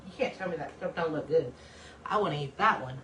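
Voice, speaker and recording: A woman running a casual phone livestream from her home kitchen talks chattily to her viewers as y'all, sounding a bit hot and out of breath. Her low voice is expressive and a bit bright, moving at a quick pace, with a little hiss or hum.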